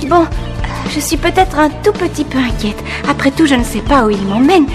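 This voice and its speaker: A nervous, lovestruck cartoon schoolgirl, with a piercingly high voice. She chatters in a flustered rush and mutters her worries to herself. Music plays clearly under the soundtrack. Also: expressive, normal speed. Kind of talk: cartoon dub acting.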